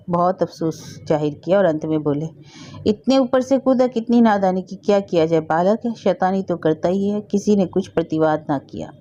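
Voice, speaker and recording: A woman reading a scripted story aloud in a steady storybook manner, speaking the characters' lines within the narration. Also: on the low side, muffled recording.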